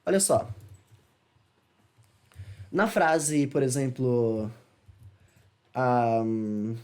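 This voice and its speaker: A man with a Brazilian Portuguese accent runs a friendly English lesson. He speaks in a loose, chatty way, slowing down to demonstrate short English phrases and tossing in quick checking questions. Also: mid-range voice, expressive, a little mellow, smooth. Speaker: English teacher. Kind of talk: casual explanatory lesson.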